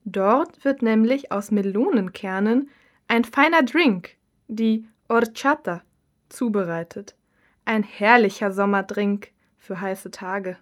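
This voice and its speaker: A woman of medium pitch gives a calm, measured reading. She is answering interview questions as a cookbook author in a scripted listening-test recording.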